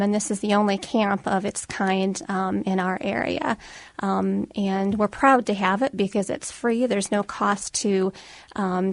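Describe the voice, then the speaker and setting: Creaky-voiced woman explaining in an interview. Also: mid-range voice, dry recording. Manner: plain-spoken explaining, filler-heavy. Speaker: hospice program worker, interview guest. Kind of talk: explanatory radio interview answers.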